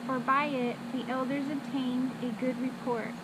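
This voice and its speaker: A woman reciting Bible verses by rote from memory, in short measured phrases with pauses, on a recording with loud background noise. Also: high voice, little pitch movement. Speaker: scripture reciter.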